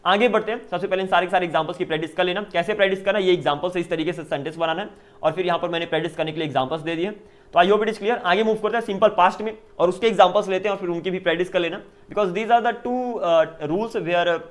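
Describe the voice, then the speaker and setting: A man's voice: sits high, fairly even intonation, quick pace. A man teaching spoken English in an Indian English accent, drilling Hindi and English sentence pairs and checking in with "ठीक है ना?". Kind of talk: online spoken-English lesson.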